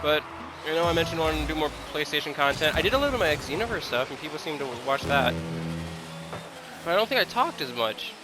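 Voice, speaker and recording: A twenty-one-year-old gaming content creator talks casually and candidly over gameplay, with music playing behind him. His fairly high voice moves quickly with lively intonation, and he sounds hesitant and self-deprecating as he searches for words in this confiding chat.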